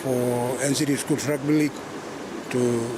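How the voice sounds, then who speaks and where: Flat-voiced man. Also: mid-range voice, background noise. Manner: halting, with many filler pauses. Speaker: schools rugby league official. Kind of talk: news interview soundbite.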